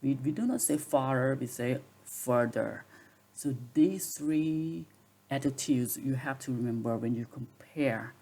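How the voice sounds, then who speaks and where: A man's voice: mid-range voice, unhurried, mellow, slightly rough. A man teaching a grammar lesson, patiently repeating rules and examples. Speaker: English teacher.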